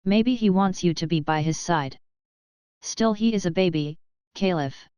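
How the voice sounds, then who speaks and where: A woman voicing a calm, content elderly female cat who speaks in a measured, reassuring way. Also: fairly low pitch, clear, resonant tone, no echo, close to an everyday voice. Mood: serene. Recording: dull, muffled sound.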